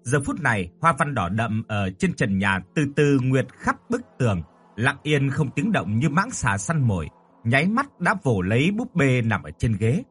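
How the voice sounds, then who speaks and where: Husky man narrating a horror audiobook. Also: medium pitch, moderate pace. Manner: expressive, dramatic reading.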